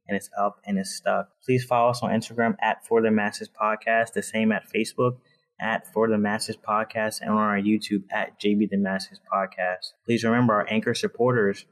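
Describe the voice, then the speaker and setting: A man hosting a podcast, upbeat and eager, peppering his speech with filler words as he interviews a guest. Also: on the low side. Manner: upbeat, eager, heavy use of "like". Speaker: podcast host.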